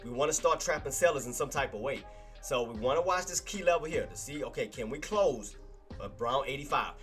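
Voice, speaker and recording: Faint background music plays softly as this stuffed-up trading livestream host gives casual live commentary on stock charts. He talks to his chat as "boss," going over levels and repeating the main points. His medium-pitched voice is expressive, fairly bright and a little fast.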